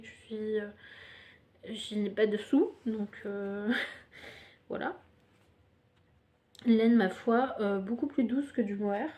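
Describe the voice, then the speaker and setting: A young woman who runs a knitting podcast casually shows off her knitting projects on camera, chatty and self-mocking, hesitant and full of fillers. Her voice is warm and fairly high-pitched.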